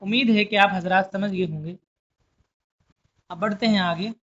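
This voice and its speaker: Woman slowly teaching letter sounds. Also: mid-range voice, muffled recording. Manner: slow, deliberate letter-by-letter explaining with frequent checks. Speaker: Urdu teacher. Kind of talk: classroom lesson.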